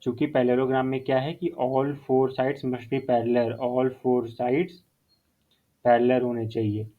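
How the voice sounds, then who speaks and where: A man's voice: medium pitch, level tone, slow. A male math teacher explaining a whiteboard lesson step by step, repeating key terms and mixing in English phrases. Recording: phone-like narrow sound.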